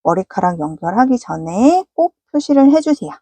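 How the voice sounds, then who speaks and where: A woman's voice: fairly high pitch, big pitch swings, moderate pace, mellow, no room sound. A woman giving a patient, polite step-by-step crochet tutorial. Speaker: crochet instructor.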